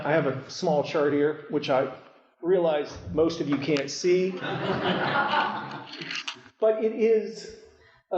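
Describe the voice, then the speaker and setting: A man giving an emphatic talk at a conference, often repeating words as he starts, heard through a low-quality live stream recording from a hall. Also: darkish tone. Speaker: conference speaker. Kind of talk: public speech at a conference. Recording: echoey, muffled hall recording.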